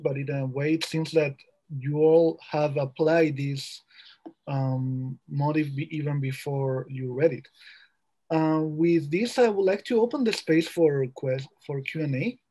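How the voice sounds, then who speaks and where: A man moderating an online roundtable over a video call, speaking politely and haltingly as he reads out audience questions. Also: on the high side, mellow, low-quality recording. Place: small room indoors.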